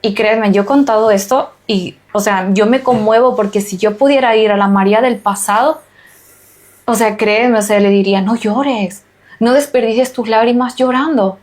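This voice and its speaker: A woman who is a holistic nutritionist hosts a spiritual podcast, speaking earnestly with a medium-pitched, darkish voice at a moderate pace. She urges listeners on with emphatic, repeated exhortations.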